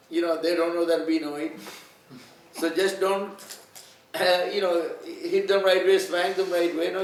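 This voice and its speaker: A man's voice: fairly high pitch, vocal fry. A man with a Malayali English accent preaching a sermon in short phrases, chuckling often. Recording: echoey room, distant mic, faint hiss.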